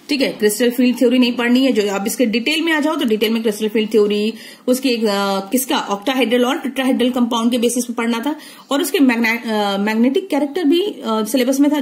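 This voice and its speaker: A woman chemistry teacher walks students through a syllabus, repeating key points and checking in often. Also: fairly high pitch. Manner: explanatory, repeats key points, frequent "theek hai" check-ins. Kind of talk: online syllabus lesson.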